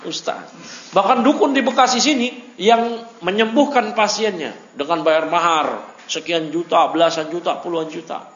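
An Indonesian man preaches in a fairly high voice, keeping it conversational and peppered with rhetorical questions. He is recorded on a dull, muffled amateur recording with a roomy echo and faint background hiss. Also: normal speed, fairly bright tone, faint music behind. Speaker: Islamic teacher. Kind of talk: religious study lecture.

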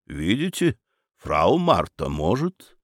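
A flustered, courtly male burgomaster in middle age, full of smooth flattery and careful hedging, as a man reads him aloud. His voice drops low and quiet beneath the narrator's own, and the recording is close and dry. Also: slow, no echo, exaggerated voice. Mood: evasive.

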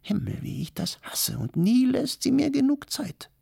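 A man's voice: medium pitch, animated, a little slow, gravelly, mellow, husky, no room sound, clean studio sound, voice pushed up, full character voice. A man voicing a moody, dreamy young woman. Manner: sighing, half-whispered.

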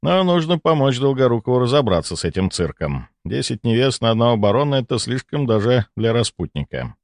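A man narrating a first-person audiobook in a measured, wry storytelling manner. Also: medium pitch, no room sound, studio quality.

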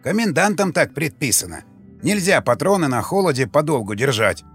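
A man voicing a grumpy, half-deaf old sentry who shouts and curses. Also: on the high side, very animated, normal speed, husky, faint music behind, full character voice. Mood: cantankerous shouting. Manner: shouting, cursing, indignant.

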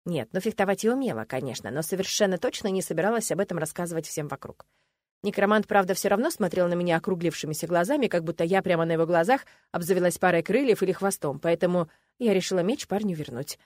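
A woman reading a fantasy novel aloud in the first person, telling it in an expressive, wry way with lively swings in pitch. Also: fast, dry recording, clean studio sound. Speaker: audiobook narrator.

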